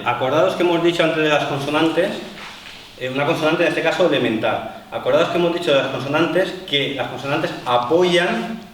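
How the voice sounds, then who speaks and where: A man instructing a martial arts class, explaining to the group with many fillers and pauses. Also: on the high side, fairly bright tone. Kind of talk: live seminar demonstration. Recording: echoey hall, voice from far off, faint noise.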